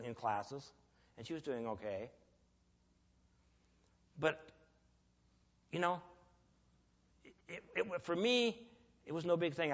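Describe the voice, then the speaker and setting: A man's voice: a little high, a bit bright. Earnest man preaching in an echoey church. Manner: earnest, emphatic, storytelling with pauses. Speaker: lay preacher. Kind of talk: sermon with personal story. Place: church sanctuary. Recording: echoey church hall, dull lo-fi.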